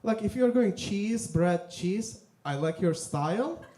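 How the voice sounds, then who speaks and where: Turkish-accented comic, lively and halting. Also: male voice, sits high. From Turkey. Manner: halting, many fillers, deadpan jokes. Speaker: stand-up comedian. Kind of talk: stand-up comedy set. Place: comedy theater stage. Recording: echoey theater room.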